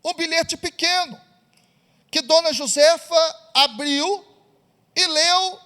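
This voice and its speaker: A male preacher speaks in a very high, bright voice and tells a story full of questions to his listeners. The sound has the long reverb of a large auditorium. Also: takes it slowly. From Brazil. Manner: storytelling, asks the audience questions. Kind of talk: sermon.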